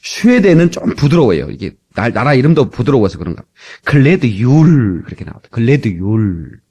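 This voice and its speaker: A man from Korea preaching a sermon as pastor, lively and humorous with frequent asides to the congregation, recorded on an old cassette tape. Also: mid-range voice, a little fast, husky, dull audio.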